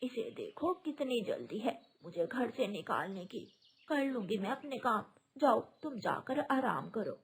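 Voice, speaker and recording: A woman's voice: on the high side, sing-song, unhurried. Woman playing a scolding old mother-in-law bird. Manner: scolding, sneering. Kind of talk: cartoon voice acting.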